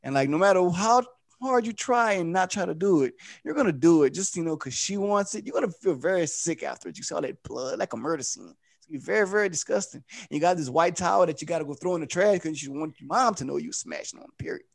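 Animated, profane man guest. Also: on the high side, quick pace, creaky, few pauses, no room sound, clean studio sound. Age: 30s. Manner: profane, laughing, storytelling. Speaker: podcast guest. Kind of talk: casual chat.

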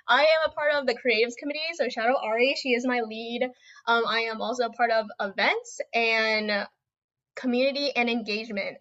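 A woman's voice: a little high, fairly bright tone, highs cut off. A nineteen-year-old woman from the United States chatting casually as a podcast guest. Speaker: podcast guest, youth committee member. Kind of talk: casual chat.

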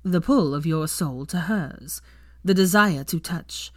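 A woman voicing an old nobleman in a portrait who speaks slowly and intensely. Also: fairly low pitch, dry recording, clean studio sound.

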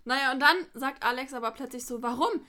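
A woman's voice: high voice, level tone, fast talker, bright, forceful tone, smooth. A woman co-hosting a casual podcast chat, narrating the plot steadily with quoted lines and dry comments. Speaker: podcast co-host. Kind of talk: casual chat recapping an episode.

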